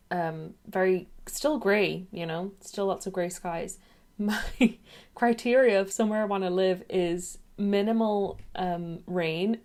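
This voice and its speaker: At home, a young woman chats into her webcam in a loose, friendly vlog, rambling and repeatedly drifting off topic. She's a YouTuber from England, raised in Ireland, with a mid-range, darkish voice.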